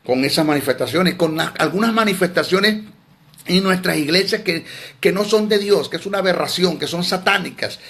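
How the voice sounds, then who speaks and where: A man's voice: high voice, moderate pace, fairly bright tone. A man teaching theology in a sermon, emphatic and scolding, often repeating words.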